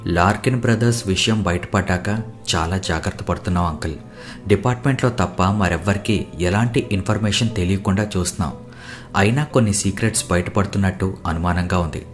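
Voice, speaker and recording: Male reader doing a composed young woman officer in an audiobook, deep and quiet. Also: brisk, soft background music, lightly acted. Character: poised young woman civil servant.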